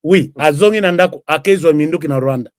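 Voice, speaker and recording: A chatty host from DR Congo runs a live political commentary show, switching between French and Lingala and reading viewer comments. His voice is on the high side and a little fast, with clean studio sound and no room echo.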